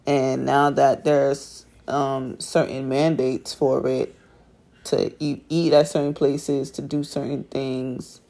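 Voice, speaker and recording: Groggy, gravelly-voiced woman vlogger. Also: extremely low pitch, flat delivery, slow, dark tone. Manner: chatty and opinionated, loose with many ums. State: groggy morning voice. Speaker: vlogger hosting her own channel. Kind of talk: casual talk to camera.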